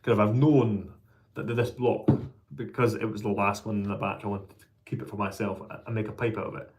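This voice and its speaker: Low-voiced man, halting casual hobby chat. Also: level tone. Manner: halting, thinking aloud with repeated words. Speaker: pipe maker hosting a vlog.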